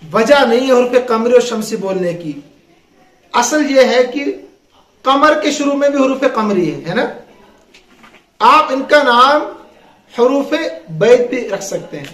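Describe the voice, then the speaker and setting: High-voiced man teaching Arabic letters. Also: fairly bright tone. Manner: asks questions and has the class finish his sentences. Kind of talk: classroom lesson with call and response. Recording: echoey room.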